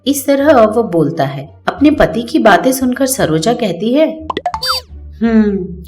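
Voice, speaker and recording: A woman narrating a cartoon story from a script, in a plain, even storytelling way. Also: on the high side, measured pace, music in the background.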